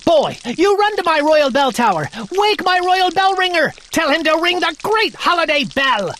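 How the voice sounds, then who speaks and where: Pompous old storybook king, high and shrill, put on by a woman narrator. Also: sing-song, normal speed, a bit bright, a little hiss or hum, exaggerated voice. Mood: gleeful, bossy. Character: boastful excitable old king.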